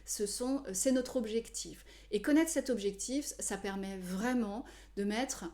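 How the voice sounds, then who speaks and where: A woman numerology coach explaining to viewers in a measured way, with frequent hesitations. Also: mid-range voice, darkish tone. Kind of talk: explanatory video talk to viewers.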